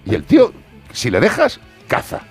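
A man's voice: high voice, huge pitch swings, moderate pace, breathy edge, faint music behind. A man from Spain with a Spanish accent, a radio co-host chatting in a joking, colloquial way. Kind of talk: casual radio banter.

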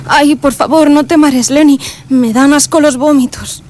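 A woman's voice: high voice, steady tone, normal speed, a little mellow, lightly acted. An actress playing a naive, gushing young woman in love in an audio drama, effusive and coquettish. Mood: chatty, preening. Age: young adult.

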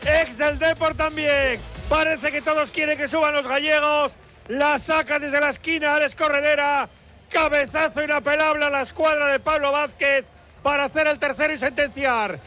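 A man calling a football goal excitedly for radio, stretching out his words. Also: very high-pitched, normal speed, soft background music. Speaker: football commentator. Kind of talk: drawn-out excited goal call.

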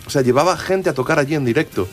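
This man, speaking with an accent from Spain, hosts music radio in a quick, fairly high-pitched voice, music playing behind him. His storytelling is informal, enthusiastic, full of jokes and tangents.

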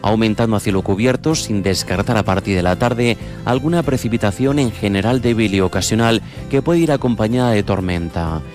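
Weather reader, man with a lowish voice, steady delivery, light guitar music beneath. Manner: steady, measured reading. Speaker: weather presenter. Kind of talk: read weather forecast.

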